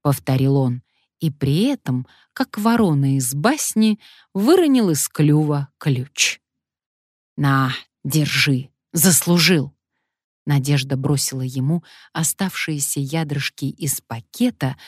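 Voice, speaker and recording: A woman narrating an audiobook in a measured, expressive reading. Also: deep voice, no echo, studio quality. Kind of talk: scripted narration.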